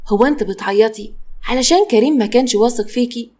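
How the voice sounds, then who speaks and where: A woman voicing a gentle young man with an Egyptian accent, soft and consoling. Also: a little high, fast, close to an everyday voice. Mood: tender.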